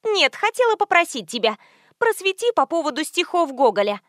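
A woman's voice: sits high, very animated, brisk, fairly bright tone, no echo, clean studio sound, voice pushed up. A woman voicing a brash, pushy female socialite who is curt and demanding on the phone.

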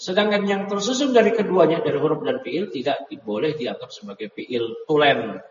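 A man's voice: on the high side, lively intonation, moderate pace, far from the mic, slight background noise. A man teaching a classroom grammar lesson, translating a text phrase by phrase and correcting his students, with frequent "ya" and "nah" fillers. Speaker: religious teacher. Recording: dull echoey hall recording from afar.

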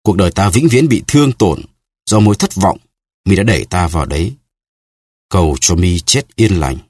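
A man's voice: low-pitched, expressive, a little mellow, husky, no room sound. A man voicing a cold, stern swordsman. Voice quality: cold, measured.

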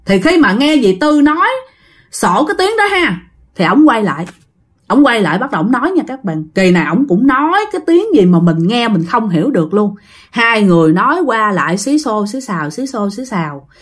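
A woman telling a ghost story casually, chatty and speaking directly to her listeners. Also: medium pitch.

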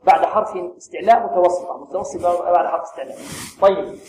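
A man teaching Quran recitation, quizzing his students and modelling slow, drawn-out pronunciations. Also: sits high, darkish tone. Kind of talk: tajweed lesson with students. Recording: echoey room, faint noise.

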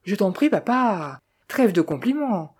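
A reader voicing a cheerful, idle young man who teases his father and recounts his day, in a low, husky, mellow tone. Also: expressive, normal speed. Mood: teasing. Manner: cheerful, teasing, casually recounting.

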